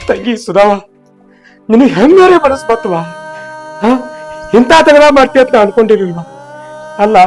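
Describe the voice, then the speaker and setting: A man's voice: high-pitched, a little mellow. A man playing a stern old village father-in-law with a North Karnataka accent, scolding and then lecturing. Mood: angry scolding. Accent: North Karnataka Kannada. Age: older. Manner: scolding then forgiving, preachy. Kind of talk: village comedy-drama acting.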